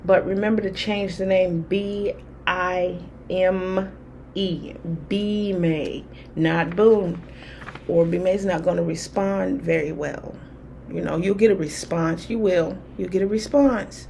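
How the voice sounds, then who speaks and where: A woman's voice: fairly low pitch, steady tone, slow, creaky, mellow, slight background noise. A woman talking candidly to camera in a rambling, casual way, full of fillers. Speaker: spiritual vlogger. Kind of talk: casual personal talk to camera.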